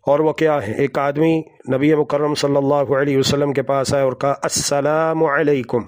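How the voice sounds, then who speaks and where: A man giving a religious lesson in a slow, deliberate manner. He recites Arabic scripture and addresses his listeners directly as brothers and sisters. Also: medium pitch, little pitch movement, darkish tone. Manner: slow, deliberate, with measured pauses; recites Arabic hadith and Quran verses. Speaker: Islamic preacher.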